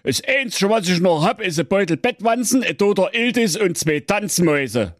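A man's voice: high voice, lively intonation, normal speed, no echo, voice pushed up. A shady pet-shop dealer talks in a raised, smarmy sales voice, as a man acts him out. He sounds falsely apologetic. The recording is dry and close.

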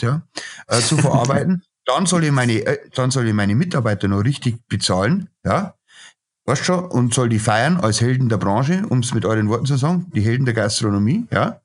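A middle-aged chef and restaurateur with a husky, medium-pitched voice gives a blunt, ranting podcast interview. Casual in tone, his speech keeps breaking into filler sounds and fresh starts.

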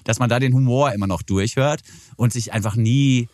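A man in his forties co-hosting a casual music podcast, talking about songs at length with lively enthusiasm. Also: mid-range voice, normal speed, no room sound, studio quality. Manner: animated, enthusiastic, explains at length. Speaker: podcast co-host. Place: studio in a cellar.

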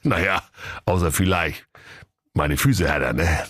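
A man doing a gruff dim-witted husband. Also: low-pitched, a little slow, fairly bright tone, dry recording, clean studio sound. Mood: grumbling. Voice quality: gruff, blunt. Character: dim-witted grumbling middle-aged husband.

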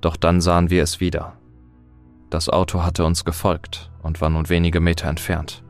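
A man narrating a scripted horror story in a steady, dramatic reading. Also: deep voice, moderate pace, soft background music.

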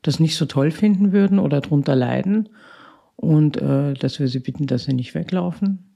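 A woman's voice: low-pitched, normal speed, vocal fry, slightly rough, dull audio. A woman, a head nurse answering interview questions in a matter-of-fact way with frequent hesitations. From Austria. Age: 50s. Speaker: head nurse of a psychiatric crisis ward.

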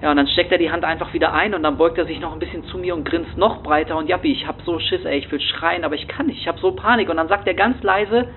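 A man with a higher-leaning voice speaks quickly and hardly pauses, sounding close to how he'd talk day to day, with soft music behind him. He plays a shaken young homeless man rambling nervously in street slang through a first-person horror monologue. The audio is thin and tinny, like a phone.

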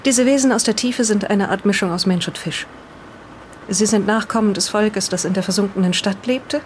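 With a little hiss or hum in the background, a medium-pitched voice close to everyday speech reads solemnly. The speaker is voicing an earnest island resident on the defensive in an improvised radio play, delivering lines deliberately as if reading aloud.

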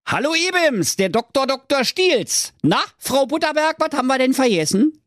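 A narrator voicing an ugly little evil male company doctor, squeaky, bossy and gloating. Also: sing-song, normal speed, fairly bright tone, no room sound, clean studio sound. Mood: smarmy.

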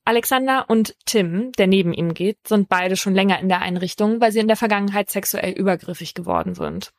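A woman hosting a true crime podcast, telling a case in a measured, scripted first-person narration. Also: medium pitch, no room sound, clean studio sound.

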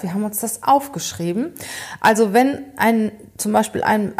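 A woman's voice: mid-range voice, darkish tone. A woman hosting an educational podcast, talking straight to the listener and asking many rhetorical questions. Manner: speaks directly to the listener. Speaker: podcast host.

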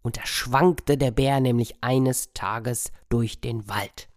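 A man reads a story to children, playful and lively, often turning to his listeners with little asides. His voice sits at a middle pitch and is recorded close and dry, with no room sound. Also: takes it slowly, no room sound.

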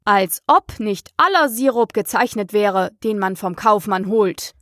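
A woman's voice: medium pitch, animated, unhurried, fairly bright tone, no room sound, clean studio sound. A woman reading the part of a rude, eccentric hatter in a storybook, speaking brusquely and mockingly.

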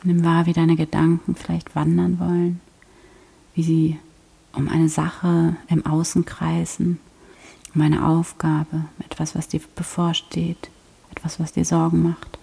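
A woman guiding a prayer meditation in a soft, slow, half-whispered voice. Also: deep voice, monotone, gravelly, husky. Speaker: prayer guide.

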